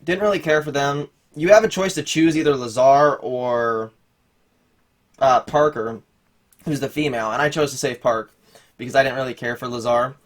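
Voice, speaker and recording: A man's voice: medium pitch, normal speed. A young man hosting his own gaming channel, reviewing a game's story in a casual, rambling way, with lots of "like"s and restarts. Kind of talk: casual video game review.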